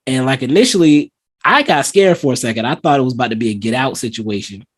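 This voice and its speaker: A man hosting a casual movie review podcast, chatting loosely with lots of fillers and acting out scenes in lively voices. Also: medium pitch, quick pace, slightly rough. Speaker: podcast host.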